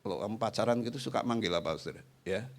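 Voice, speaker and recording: A middle-aged man preaching a sermon as pastor, animated and often addressing his listeners directly. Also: fairly low pitch, very fast. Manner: acts out quoted voices in the talk.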